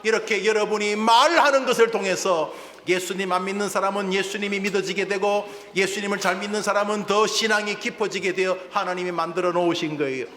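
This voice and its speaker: A man with a high, fairly bright voice preaches a little fast and with fairly even intonation, leading call-and-response as senior pastor. The sanctuary sounds reverberant, with slight background noise.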